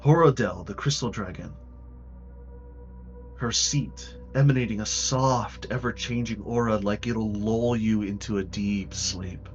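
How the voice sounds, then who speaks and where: A man narrating a fantasy tabletop game as game master, measured and portentous, with dramatic pauses. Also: fairly low pitch, lo-fi sound, faint music behind.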